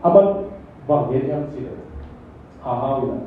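A man's voice: normal speed, slight background noise. A man preaching a sermon in a church hall, drawing responses from the congregation. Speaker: pastor. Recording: echoey hall, distant mic, dull sound.

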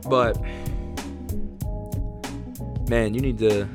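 A man's voice: lowish voice, fairly even intonation, extremely slow, over music. A young man giving a blunt, profane motivational pep talk, pushy and repetitive. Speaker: motivational speaker.

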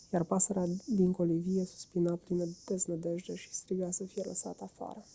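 A woman narrating a children's classic in an expressive storytelling manner. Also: fairly low pitch, creaky. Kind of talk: audiobook narration.

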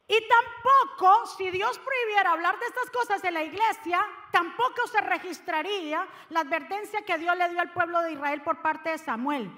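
A woman pastor giving an impassioned sermon, swinging between loud exhortation and quiet asides. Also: high voice, big-room sound. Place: church sanctuary.

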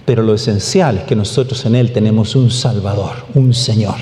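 A man preaching a sermon as pastor, emphatic and animated, asking rhetorical questions and now and then raising his voice. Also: fairly low pitch, moderate pace. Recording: echoey, long hall reverb.

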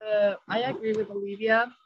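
A young woman from Mexico, a student athlete, speaking hesitantly with many pauses. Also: mid-range voice, flat delivery, slight background noise. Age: young adult. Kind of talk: casual discussion. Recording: dull lo-fi dry sound.

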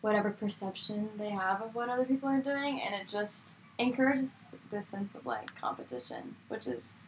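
A young adult woman, a guest on a casual podcast chat, animated and laughing easily. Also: medium pitch, normal speed, a little hiss or hum, low-quality recording.

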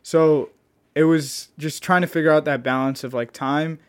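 A man's voice: a little high, fairly even intonation, normal speed, clear, resonant tone. A young adult man co-hosting a casual podcast, chatting in a garage. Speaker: podcast co-host.

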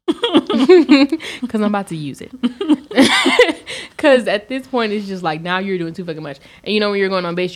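A young woman, co-hosting a podcast, telling a story in an animated, profane way and laughing often. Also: lowish voice. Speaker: podcast co-host. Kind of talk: casual storytelling chat.

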